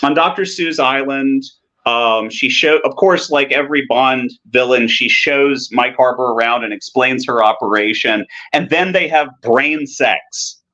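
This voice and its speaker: A man co-hosting a movie podcast, chatting casually and enthusiastically in a rambling, halting way with repeated words. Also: mid-range voice, sharp tone, highs cut off. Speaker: film podcast co-host. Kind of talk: casual chat about cult movies.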